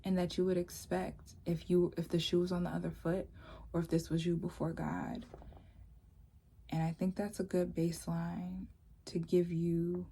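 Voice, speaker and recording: A woman hosting a worship vlog, speaking in an earnest, soft-spoken, reflective devotional way to camera. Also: fairly low pitch, little pitch movement, normal speed, husky.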